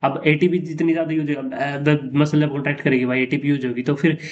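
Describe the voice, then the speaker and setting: A man's voice: on the high side, flat delivery, quick pace, darkish tone. A man teaching exam questions in a casual explaining style, often repeating "theek hai" and mixing in English terms. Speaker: lab technology teacher. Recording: dull lo-fi sound with faint noise.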